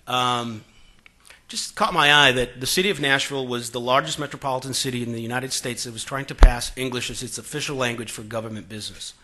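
Standing at a podium microphone in a conference room, a forty-something Boston man delivers a talk of conversational stories, heavy on fillers and dramatized quoted exchanges. His voice is medium-pitched, bright, and forceful.

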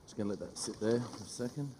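A middle-aged man, a chef giving a brisk, joking live cooking demonstration on a studio stage. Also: lowish voice, warm tone, in a large hall, slight background noise. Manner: brisk, joking, teases the audience. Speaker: chef doing a cooking demo. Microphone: headset mic.

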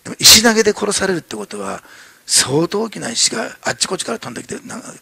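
A man preaching a sermon as pastor in a church, animated and fast, acting out the voices in his story with many fillers. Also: high-pitched, vocal fry, slightly rough, no room sound.

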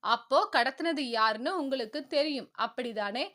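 A woman's voice: fairly high pitch, normal speed, pushed and bright. A woman voicing a spoiled, hot-tempered young woman who demands answers in an indignant tone in a storybook reading.

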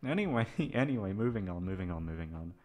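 Over background music, a man in his twenties who does voice acting rambles to his listeners, hesitant, self-deprecating and freely profane. His voice sits low and is expressive, quick and a little mellow.

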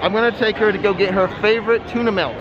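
A man's voice: high voice, quick pace, dull audio. A man vlogging at a theme park, chatting with his companion while talking through a cloth mask. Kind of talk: casual vlog chat. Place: outdoors in a crowded theme park. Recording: park crowd and music behind.

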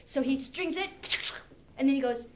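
In a classroom, a middle-aged female teacher gives a theatrical reading at normal speed, breaking off for casual explanations. Her voice sits high but has a darkish tone, and the camera, a few metres off, also picks up classroom background noise.

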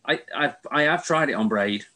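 A man chatting on a video call, halting and restarting his phrases. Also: mid-range voice, animated, pushed and bright. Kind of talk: casual video call chat.

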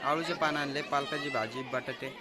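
A vlogger with a medium-pitched, steady voice moves briskly through an outdoor village market held by school children. Over the busy noise of a crowd of kids, he casually asks brief, friendly questions and repeats what people tell him.

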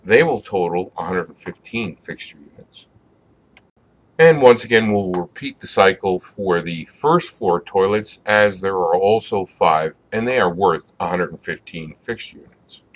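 A middle-aged man, a plumbing instructor, giving scripted narration for a lesson in a measured, methodical way, step by step. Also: low-pitched, expressive.

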